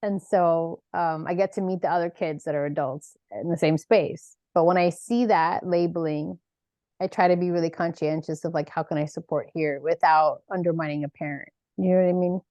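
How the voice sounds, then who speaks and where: A woman's voice: lowish voice, fairly even intonation, moderate pace, darkish tone, no echo, muffled recording. Earnest woman musing on spirituality. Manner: earnest, rambling, peppered with "like" and "right?". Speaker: actor and author, podcast guest. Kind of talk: reflective spiritual conversation.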